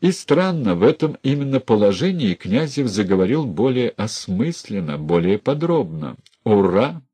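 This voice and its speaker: A man narrating a literary story with an expressive, dramatic reading. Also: mid-range voice, moderate pace, breathy edge.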